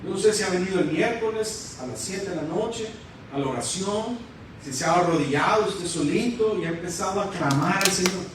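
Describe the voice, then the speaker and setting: High-voiced man preaching in an echoey church. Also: normal speed, slight background noise. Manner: fervent, calls the congregation "hermanos" constantly. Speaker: guest preacher. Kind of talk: sermon. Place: church sanctuary. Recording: echoey church hall from far off.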